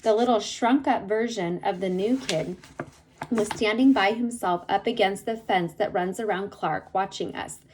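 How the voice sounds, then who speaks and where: A woman reading a novel chapter aloud in steady storytelling narration. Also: mid-range voice, moderate pace, a little hiss or hum, poor audio. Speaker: reader.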